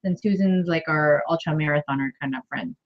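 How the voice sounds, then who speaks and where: A woman co-hosts a casual live stream, chatty and playful, in a low-pitched voice at a fairly quick pace. The livestream audio is dull and lo-fi.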